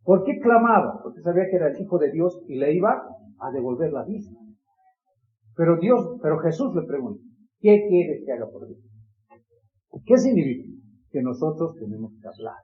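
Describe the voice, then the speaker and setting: A man's voice: a little high, very animated, fairly quick, narrow, tinny audio. A man preaching a sermon in an earnest, pleading manner, with many repetitions.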